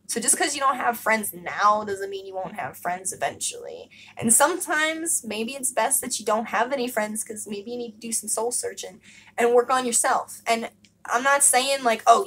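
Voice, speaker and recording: A woman's voice: medium pitch, a bit bright, slight background noise, low-quality recording. A young woman speaking candidly in a casual vlog, emphatic and full of fillers and swearing. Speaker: vlogger.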